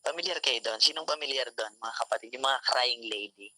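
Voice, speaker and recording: At a home online devotion, a man delivers a brisk Taglish sermon over a call mic, frequently calling out "mga kapatid" to his young listeners. His medium-pitched voice sounds pushed and bright, recorded roughly with no echo.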